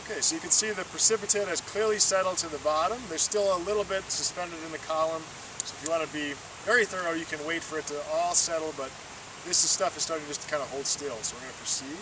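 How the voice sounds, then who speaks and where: A water-quality field trainer, a man with a fairly high voice and a quick pace, gives a patient, encouraging, step-by-step hands-on demonstration. He's outdoors beside flowing water, recorded on a distant mic with loud stream noise.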